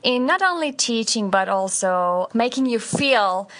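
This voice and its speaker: A woman, a journalism professor chatting enthusiastically as an interview guest, filling pauses with ums and laughing often. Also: a little high, animated, a bit bright. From Switzerland. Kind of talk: casual interview conversation.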